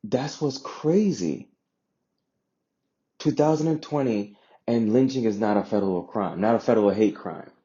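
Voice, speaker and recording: A Jamaican man vlogs his personal views in a casual opinion monologue, heard through slightly muffled audio. His mellow voice sits on the low side, at normal speed with frequent pauses. He's emphatic, repeats phrases and asks rhetorical questions.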